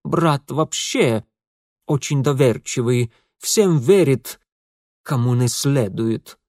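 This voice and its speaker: A man's voice: medium pitch, slow, darkish tone, no room sound, studio quality. Man voicing a huffy, snappish young nobleman. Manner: indignant, snappish. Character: prickly, huffy young nobleman, tied up and sulking.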